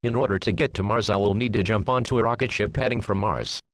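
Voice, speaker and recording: A man narrating a crude comic story in a deadpan, rambling way, swearing casually. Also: on the low side, fast talker, no room sound. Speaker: comedy narrator. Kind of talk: crude comedic fan storytelling.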